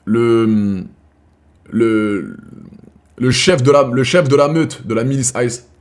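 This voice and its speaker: A man's voice: mid-range voice, takes it slowly. A man hosting a live chat show from France, talking casually and slangily to his viewers, calling them brothers and restarting his sentences as he rambles.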